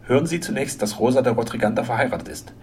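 A man voicing a burly, blunt French henchman who speaks gruffly and issues menacing warnings in a storybook reading. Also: medium pitch, very fast, a little mellow, a little hiss or hum, natural voice. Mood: superior.

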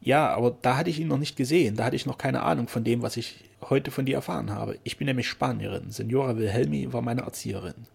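A man's voice: medium pitch, fast, gravelly, hardly any pauses, slightly rough, heavily acted. A man voicing a loving young Spanish noblewoman in a storybook reading, with a pleading, emotional manner. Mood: warm.

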